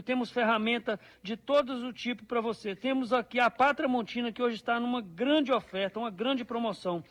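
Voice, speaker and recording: A man, a store salesman listing offers to customers in a repetitive live radio pitch. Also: a bit bright.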